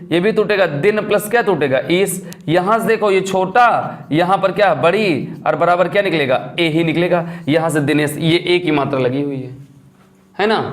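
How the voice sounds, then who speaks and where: High-voiced male teacher in an echoey room. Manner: repeats questions and answers them himself. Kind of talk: classroom grammar lesson.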